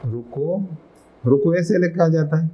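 A man's voice: a little high, takes it slowly, dull audio. A middle-aged man with a Pakistani accent teaching an accounting class, reading out English legal text and quizzing his students as he goes. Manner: mixes English legal text into Urdu explanation, asks students questions. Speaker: accounting lecturer. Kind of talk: classroom lecture.

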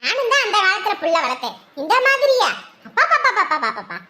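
A woman's voice: very high voice, very animated, fast, roomy sound, heavily acted. A woman playing an older, doting grandmother who grumbles and laments at her daughter-in-law. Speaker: grandmother in a family comedy. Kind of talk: village family comedy acting. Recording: loud background noise.

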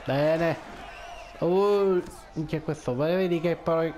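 Guy talking to himself while gaming, higher voice, keeps telling himself to calm down, slow and drawn out. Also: a faint crowd, slight background noise. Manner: mutters to himself, repeatedly urging calm. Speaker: gameplay commentator. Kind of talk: casual gameplay commentary.

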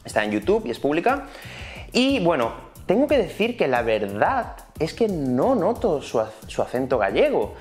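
Lively Spanish teacher man from Spain. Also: on the high side, moderate pace, soft background music. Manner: chatty, explanatory, many fillers. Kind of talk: online Spanish lesson.

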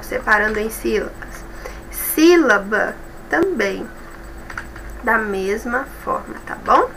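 A Brazilian Portuguese-speaking woman teaches a review class with a bright, clear voice set a little high. She explains step by step and keeps checking in with her listeners. A faint hum of background ambience sits under her voice. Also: rough recording. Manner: patient, explanatory, checks in with tags like "certo?" and "tá bom?". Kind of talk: online class review lesson.

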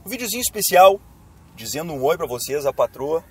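Fairly high-pitched, sing-song and quick, a young southern Brazilian man talks directly to his audience in a driving vlog. His gaucho accent is from Rio Grande do Sul, and a cold has left him slightly hoarse. The camera sits on the dashboard as he moves through city traffic.

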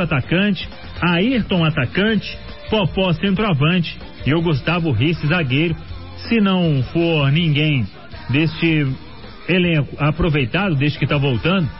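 A Brazilian man giving a steady, informative football report on the radio. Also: on the high side. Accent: Brazilian Portuguese. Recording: dull radio broadcast with faint music.

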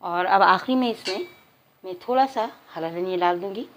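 A woman hosting a cooking channel, giving calm step-by-step recipe instructions to her viewers in a home kitchen. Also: medium pitch, moderate pace, slight background noise, rough recording.

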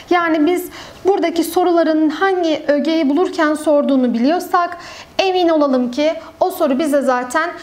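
A woman's voice: sits high, darkish tone. A young woman teaching an online grammar lesson, who explains step by step and asks and answers her own questions.

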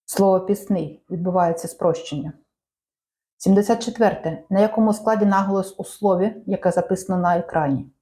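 A woman reading out language quiz questions and answers in a measured, clear teaching manner. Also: mid-range voice, dark tone. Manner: measured, clear dictation-like delivery.

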